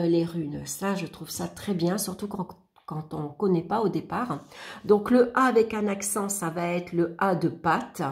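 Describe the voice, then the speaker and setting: A woman's voice: medium pitch, darkish tone. Chatty French-speaking woman showing a workbook. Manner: chatty, many fillers and restarts. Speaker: YouTuber reviewing a spiritual workbook. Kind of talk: casual flip-through review.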